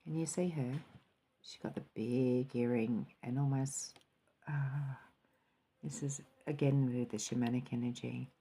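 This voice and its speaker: With a rumbling low voice, a measured pace and a breathy edge, a woman offers a spiritual tarot and cup reading. She muses softly, sometimes slipping into a calm, quiet tone.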